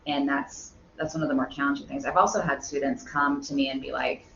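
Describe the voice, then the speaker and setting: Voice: medium pitch, steady tone, fairly quick, a bit bright. A teacher talking casually in a discussion group and quoting student exchanges back and forth. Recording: roomy, dull sound with faint room noise.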